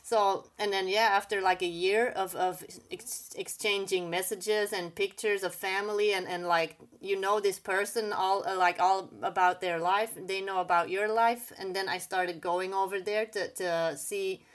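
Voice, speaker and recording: A Belgian woman, whose first language isn't English, tells her own story in English as an interview guest. Her mid-range voice keeps a fairly even intonation at a moderate pace with few pauses. She's candid and casual, with many "like" fillers.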